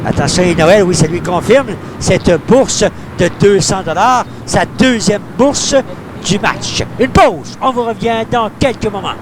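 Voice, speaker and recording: A man's voice: high-pitched, unhurried. A man with a Quebec French accent giving live golf-style play-by-play of mini-putt as a sports commentator, in a noisy older TV broadcast. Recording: clearly noisy early-1990s TV broadcast.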